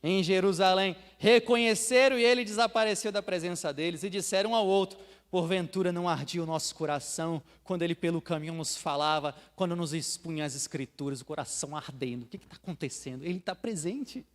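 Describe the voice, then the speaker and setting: A Brazilian pastor from Bahia preaching a sermon, swinging from hushed asides to loud proclamations and acting out believers for laughs. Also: male voice, sits high, brisk. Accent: Brazilian Portuguese, Bahia. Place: church sanctuary. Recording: long hall reverb.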